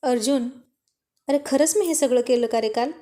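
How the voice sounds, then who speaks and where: Guilty, flustered young wife in an audio story, high mellow voice, read by a woman. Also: normal speed, close to an everyday voice.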